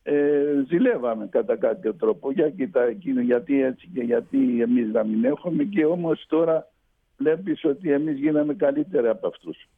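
An older man, a retired ship's officer, telling a personal story as a radio guest, lively with halting restarts. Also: medium pitch, husky. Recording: tinny phone line on radio.

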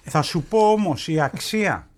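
A man co-hosting a relaxed radio show. He tells a story slowly and playfully, stretching his words out and pausing for effect. His voice sits a little on the high side. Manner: playful, drawn-out storytelling with dramatic pauses. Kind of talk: casual radio banter.

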